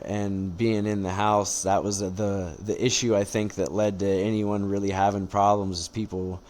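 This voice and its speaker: A man talking casually as a podcast guest, explaining things in a measured, rambling way. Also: on the low side. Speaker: interview guest, combat sport competitor. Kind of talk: casual podcast interview chat.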